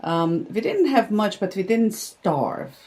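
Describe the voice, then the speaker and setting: Older hungarian-accented lady, guest on a podcast, warm and reflective, mid pitch. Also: expressive, slow pace. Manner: warm, reflective storytelling with a laugh. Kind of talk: podcast interview.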